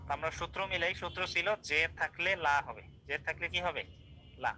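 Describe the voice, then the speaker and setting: A man's voice: fairly high pitch, a little fast, sharp tone, a little hiss or hum, low-quality recording. A man teaching an online class, explaining step by step, repeating drills and asking checking questions. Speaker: Quran recitation teacher.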